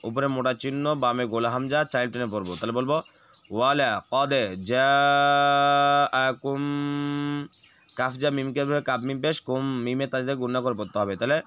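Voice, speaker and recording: A man teaching Quran recitation, explaining rules quickly and then reciting words slowly and drawn out. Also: mid-range voice, steady tone, fairly bright tone. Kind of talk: spelling-out recitation lesson.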